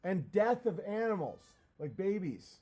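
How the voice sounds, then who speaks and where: A man on a casual livestream, rambling and halting as he answers comments with profane, self-deprecating talk. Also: high voice, sing-song, warm tone. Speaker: live streamer.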